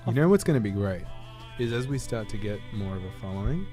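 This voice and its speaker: A man's voice: fairly low pitch, expressive, quick pace, warm tone, faint music behind. A man with an Australian accent co-hosting a podcast in casual chat, crude and profane and laughing often. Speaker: podcast co-host.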